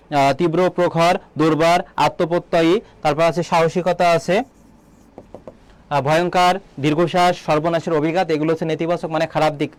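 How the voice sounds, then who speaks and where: A man teaching an online exam-prep lesson, asking students questions, answering them himself and repeating key words slowly. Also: on the high side. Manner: quizzes students, then answers his own questions. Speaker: admission exam tutor.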